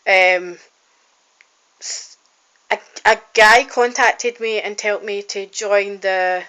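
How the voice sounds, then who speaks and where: Her voice on the high side and fairly bright, a woman who is both a singer-songwriter and a college student rambles heartfeltly into a phone camera. It's a casual personal video diary, with many ums and restarts, captured in poor audio.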